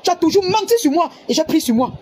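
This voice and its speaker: A high-pitched woman rants heatedly into her phone camera, scolding her audience and repeating her points. Loud background ambience and passing traffic fill the recording. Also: lively intonation, quick pace. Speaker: social media personality. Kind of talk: angry livestream rant.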